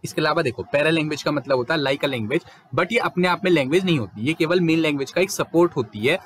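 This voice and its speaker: A young man giving a casual, fluent lecture as a teacher, explaining quickly and mixing in English terms. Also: on the high side, animated, slight background noise.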